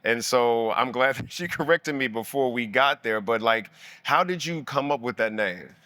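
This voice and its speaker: Man host, bright dry voice; upbeat, encouraging interviewer. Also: medium pitch, expressive, normal speed, no echo. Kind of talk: conversational panel interview.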